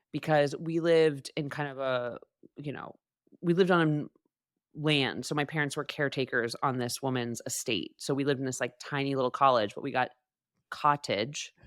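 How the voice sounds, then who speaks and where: A woman's voice: rumbling low, a bit bright, no echo, studio quality. A woman co-hosting a podcast in casual conversation, playful and full of funny asides. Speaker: podcast co-host.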